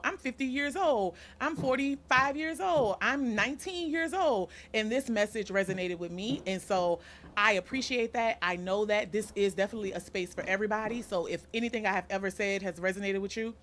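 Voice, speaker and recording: Female podcast host, 30s, earnest and deliberate monologue, faint background noise. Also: medium pitch, fairly bright tone.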